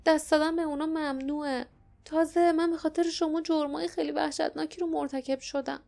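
A woman voicing a timid, hushed young kitchen girl. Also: soft background music, lightly acted. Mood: frightened. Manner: hushed, fearful, speaks low.

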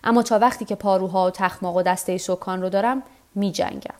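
A woman's voice: mid-range voice, fairly even intonation, darkish tone, lightly acted. A woman reading the part of a weary, stubborn old fisherman who talks to himself. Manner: talks to himself, tired and rueful.

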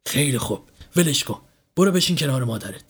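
A man's voice: a little high, lively intonation, vocal fry, husky, heavily acted. A man playing a cool, commanding doctor hypnotist. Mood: calm, controlled. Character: calm, mysterious middle-aged male doctor hypnotist.

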